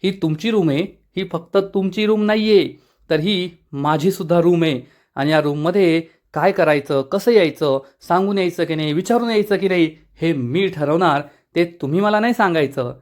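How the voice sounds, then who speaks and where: A stubborn young wife scolding in quick retorts, as a male narrator puts her on, lifting her voice a little above his own. She fires her lines back fast in a storybook-style retelling. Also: sits high, natural voice. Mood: defiant. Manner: scolding, rapid-fire retorts.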